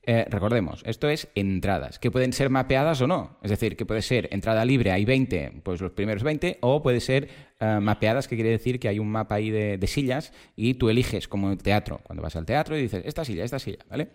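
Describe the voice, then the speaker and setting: Animated podcast host. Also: male voice, on the low side, a little fast. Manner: animated, explains with everyday examples, rhetorical questions. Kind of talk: casual tech podcast chat.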